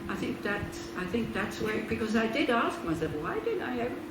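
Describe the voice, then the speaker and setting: With a slightly high, sing-song voice and a somewhat quick pace, a Buddhist nun from Switzerland gives a casual teaching talk. She chats freely, laughs in asides and asks rhetorical questions. It's recorded from a distance in a roomy space with background noise.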